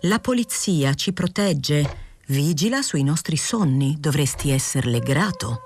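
A woman's voice: sits low, animated, measured pace, a little mellow, slight background noise. A woman voicing an authoritarian, condescending male newspaper director with a brusque, lecturing manner, in a literary audiobook.

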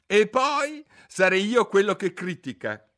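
A man's voice: medium pitch, lively intonation, normal speed, voice pushed up. A man voicing a rude, boastful male hatter while reading a storybook aloud. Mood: snappy. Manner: loud, triumphant, sharp-tongued.

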